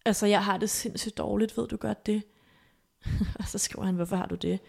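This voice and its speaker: Sex: woman. Style: halting personal storytelling. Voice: gravelly, flat. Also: mid-range voice. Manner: soft, halting, emotional retelling. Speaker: interview guest.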